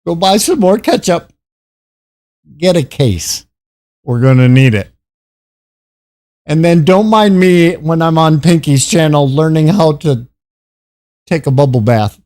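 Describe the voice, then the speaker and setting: An older man hosting a gaming livestream, joking with his viewers and dissolving into laughter between lines. His pitch jumps around a lot as he talks, yet he speaks at an unhurried, slow pace. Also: expressive, warm tone. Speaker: gaming streamer. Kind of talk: casual livestream chat with viewers.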